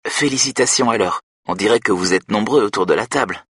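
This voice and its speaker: A man's voice: fairly low pitch, a little fast, a bit bright, husky, no room sound, clean studio sound, voice pushed up. A man narrating an audiobook who voices an embarrassed young woman, a doctoral student, hesitant and awkwardly polite.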